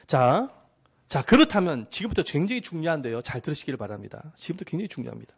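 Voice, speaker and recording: A man's voice: on the high side, husky. A man preaching a sermon as pastor, often asking the congregation questions and acting out quoted speakers. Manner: lively, asks the congregation questions.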